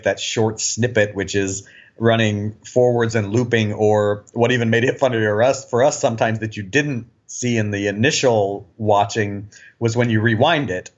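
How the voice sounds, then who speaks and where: Laid-back man on a dull, lo-fi line. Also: fairly low pitch. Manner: laid-back, halting, with many uhs and laughs. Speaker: podcast co-host. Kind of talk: casual chat about bad movies. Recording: dull lo-fi sound.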